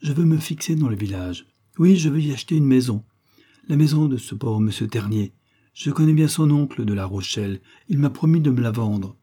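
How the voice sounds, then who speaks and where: A man voicing a shrewd middle-aged detective disguised as a gardener, speaking in an assured, deliberate way in an audiobook. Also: medium pitch, lively intonation, dark tone, breathy edge, voice pushed up. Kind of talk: audiobook character voice.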